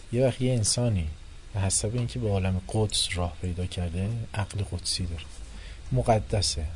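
A man giving a religious philosophy lecture to a class, animated, moving between soft and loud and acting out the people he quotes. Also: lowish voice, a little hiss or hum. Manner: animated, shifting loudness, quotes and acts out people.

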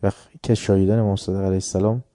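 A man preaching a religious sermon with passion, often swelling loud and then dropping low. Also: level tone, dry recording, studio quality.

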